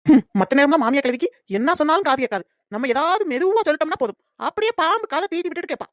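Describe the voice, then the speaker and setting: Cartoon: woman voicing a snappy young daughter-in-law, high and rapid-fire. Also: lively intonation, dry recording, clean studio sound. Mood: sarcastic. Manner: grumbling, sarcastic. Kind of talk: cartoon comedy voice acting.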